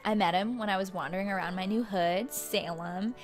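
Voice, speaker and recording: A woman's voice: medium pitch, steady tone, fairly quick, soft background music, natural voice. A young woman playing a bubbly, slangy female ghost who vlogs her afterlife in a breezy, flippant valley-girl manner for a comedy web series. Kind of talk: comic vlog monologue.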